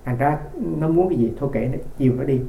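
A man's voice: mid-range voice, fast, creaky, reverberant, narrow, tinny audio, slight background noise. A man who is a Buddhist monk gives a conversational dharma talk. He tells stories in a rambling way and often restarts his phrases. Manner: rambling storytelling with frequent restarts.

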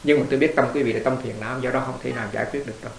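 This is a man's rapid-fire, creaky voice at medium pitch, with fairly even intonation. He's a Buddhist monk delivering a conversational dharma talk full of stories and questions for the audience, recorded in an echoey space with slight hiss.

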